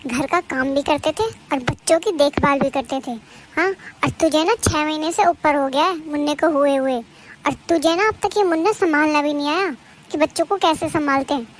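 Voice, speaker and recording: A domineering cartoon mother-in-law with a very high, thin voice, played by a woman. She lectures, boasts and scolds in a scornful way. A faint hiss sits under the voice. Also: moderate pace, lightly acted. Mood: lecturing.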